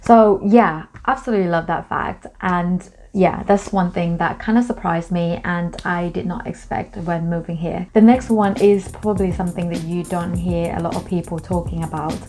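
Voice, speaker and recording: A woman's voice: fairly low pitch, fairly even intonation, normal speed, few pauses, a little mellow, faint music behind. A young woman from Thailand, a native Thai speaker, chatting casually to camera in a vlog, explaining things in a friendly way with plenty of fillers. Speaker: vlogger.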